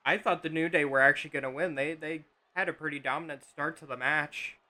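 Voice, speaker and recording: A man's voice: a little high, fairly even intonation, fairly quick, sharp tone. A man casually commenting on a wrestling video game on a live stream, rambling with fillers and restarts.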